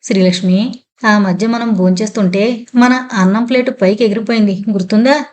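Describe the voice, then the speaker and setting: A woman's voice: medium pitch, fairly even intonation, moderate pace, darkish tone, natural voice. Brief: stubborn, determined father, pushing for answers, a woman doing the voice. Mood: firm insistent. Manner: firm, insistent questioning. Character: determined older father, firm and probing.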